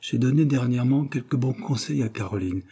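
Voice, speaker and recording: A man voicing a calm, earnest young woman who gives firm, measured moral advice in an audiobook. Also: medium pitch, slightly rough. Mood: earnest reproach.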